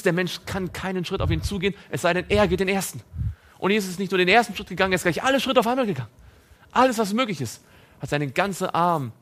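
A man preaching a sermon, reading scripture and speaking directly to his listeners, moving between raised, emphatic passages and hushed ones. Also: a little high. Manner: addresses listeners directly and personally; reads scripture aloud within the sermon.

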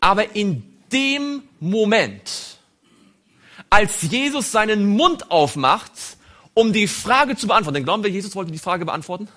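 Male preacher, sermon, high voice, animated delivery, dramatic retelling, loud to quiet swings. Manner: dramatic, acting out biblical dialogue, swings from loud to hushed.

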